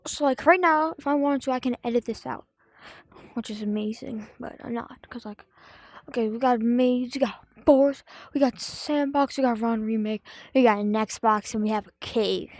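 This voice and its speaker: Chatty high-voiced woman gaming. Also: normal speed, a little mellow, no room sound. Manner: chatty, rambling, sing-song asides. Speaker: gaming video host. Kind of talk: casual gameplay commentary. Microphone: VR headset mic.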